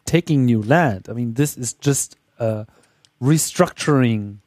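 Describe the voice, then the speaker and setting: A man's voice: medium pitch, a little slow, a little mellow, dry recording, clean studio sound. A man co-hosting a news talk program, speaking hesitantly with fillers as he steers the topics. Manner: hesitant, uses fillers, leads topic changes. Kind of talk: casual news discussion.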